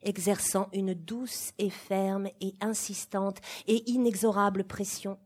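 Female audiobook reader, literary fiction, slow and airy, measured but expressive delivery. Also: mid-range voice, breathy edge. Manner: measured, expressive reading with sudden swells and hushed drops. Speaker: reader of a novel.

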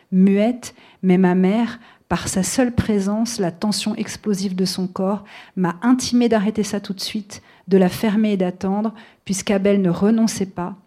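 A woman author talking about her fiction and reading a passage of it aloud in a measured, thoughtful way. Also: mid-range voice, warm tone.

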